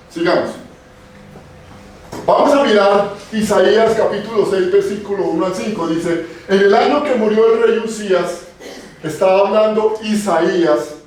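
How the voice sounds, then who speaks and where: A man's voice: high voice, darkish tone. A male pastor preaching a sermon, putting questions to the congregation and repeating key phrases for emphasis. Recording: echoey church from far off.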